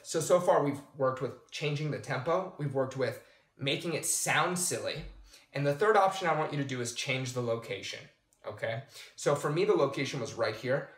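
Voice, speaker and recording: A personal development coach gives an instructional talk straight to the camera in a calm, explanatory manner, his voice at medium pitch. He addresses viewers directly with "okay?", and the room has a noticeable echo.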